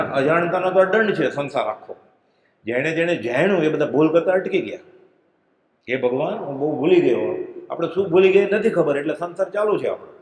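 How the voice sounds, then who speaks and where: A middle-aged man gives a conversational religious discourse, explaining with everyday anecdotes. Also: on the high side. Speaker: spiritual discourse reader. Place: prayer hall. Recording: echoey hall.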